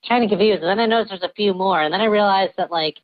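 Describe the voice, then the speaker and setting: A man's voice: high voice, dry recording, muffled recording. A man calling in anonymously through a voice changer, telling a story casually with many hesitations. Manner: halting, many "like"s and restarts. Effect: voice changer disguising his voice. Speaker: anonymous caller.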